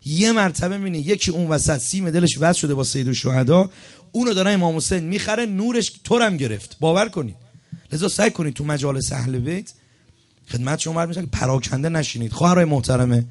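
At a religious gathering, a man with a slightly high, animated voice preaches a sermon built around a story. He addresses the congregation directly, urging and instructing them and repeating phrases for emphasis.

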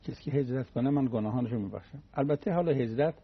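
Gravelly-voiced man in a folksy radio talk. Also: medium pitch, dull audio. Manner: folksy, uses everyday anecdotes and examples. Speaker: cleric giving a religious talk. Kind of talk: conversational religious talk.

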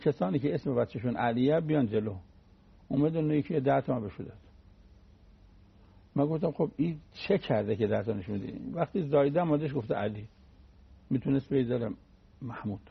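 Man with a gravelly husky voice doing a folksy religious radio talk, all anecdotes and examples, dull lo-fi sound. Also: mid-range voice. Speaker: cleric giving a religious talk.

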